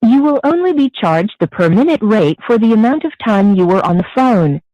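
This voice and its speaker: An automated collect-call prompt on a jail payphone call, reading out fees and phone numbers in a measured, formal way. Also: medium pitch, very animated, dark tone, dry recording, dull audio. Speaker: recorded collect-call announcement. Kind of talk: formal scripted announcement.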